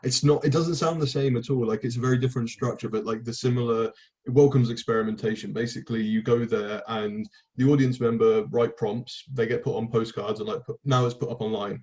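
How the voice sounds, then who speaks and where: A man's voice: mid-range voice, fairly even intonation, a little fast, a little mellow. A young man hosting a casual chat about poetry. He rambles enthusiastically and swears casually. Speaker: podcast host. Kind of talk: casual conversation.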